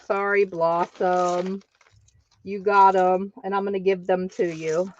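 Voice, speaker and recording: Slow-talking, laughing woman live-sale host. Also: mid-range voice, little pitch movement, a little mellow, lo-fi sound, slight background noise. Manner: chatty, laughs often, cheers "woohoo". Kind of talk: casual live-stream selling chat.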